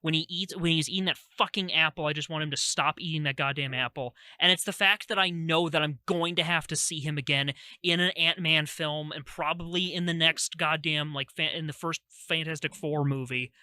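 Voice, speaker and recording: A man's voice: on the high side, steady tone, fairly quick, few pauses, sharp tone, smooth, no room sound. A man co-hosting a casual podcast, stammering and restarting, laughing easily. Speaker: podcast co-host. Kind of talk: casual chat.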